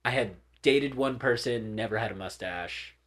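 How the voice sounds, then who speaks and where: A man guesting on a podcast, telling a story in casual chat, rambling with lots of fillers and dropping to soft murmurs. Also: medium pitch, normal speed.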